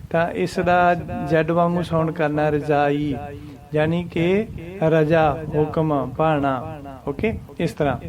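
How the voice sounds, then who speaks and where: A man giving a scripture pronunciation lesson, chanting verses slowly and then explaining them plainly, with English words mixed in. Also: on the high side. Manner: mixes English words into his talk. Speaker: Sikh scripture teacher.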